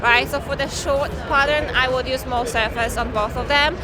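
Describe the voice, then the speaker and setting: High-voiced woman explaining gear in a convention hall. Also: steady tone, normal speed. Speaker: professional bowler giving product opinions. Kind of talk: casual interview, explaining gear. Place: busy convention hall booth. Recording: loud music and crowd, convention hall. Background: loud music and crowd.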